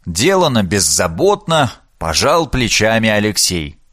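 Guy reading an audiobook, really animated voice, dead dry close mic. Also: fairly low pitch, measured pace, no room sound. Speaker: audiobook narrator. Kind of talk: expressive audiobook narration.

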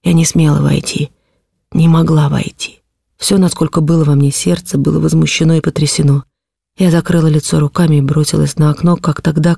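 A woman's voice: sits low, creaky, warm tone, slightly rough, no echo, studio quality. A woman reading a classic novel aloud as an audiobook, narrating in the first person with feeling.

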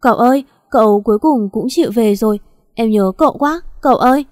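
Lady doing a whiny teary young maid girl, high and pleading, dry sound. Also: brisk, darkish tone, dry recording, close to an everyday voice. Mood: eager. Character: naive, weepy young female servant girl.

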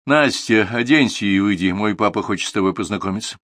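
Brief: male reader playing a composed young woman, quiet and level, dry close mic. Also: on the low side, fast, no echo, lightly acted. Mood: firm. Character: calm, devout young adult daughter.

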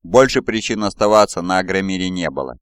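A man reading an audiobook in a measured, dramatic narration style, on a close mic. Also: deep voice, expressive, smooth, no echo.

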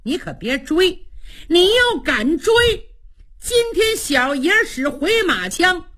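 A woman's voice: on the high side, sing-song, slow, fairly bright tone, husky, heavily acted. A woman voicing a sly, cocky young male general who taunts his rival in a storytelling broadcast. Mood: taunting. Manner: smug, taunting.

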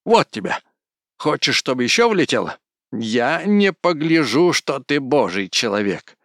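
A man voicing a hot-tempered peasant man who screeches and shouts quarrelsomely. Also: medium pitch, big pitch swings, a little slow, dry recording, clean studio sound, pitched above the performer's own voice. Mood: yelling.

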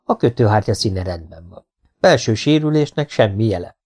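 A man reading a story aloud as an audiobook narrator, with a steady, even storytelling delivery. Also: fairly low pitch. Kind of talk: scripted narration.

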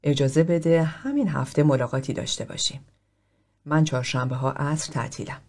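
A man reading the part of a sixty-five-year-old psychotherapist who speaks in a probing, gently direct way. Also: on the high side, fairly even intonation. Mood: measured. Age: 60s.

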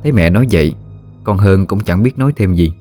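A man narrating a horror story in a steady, measured way. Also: sits low, faint music behind.

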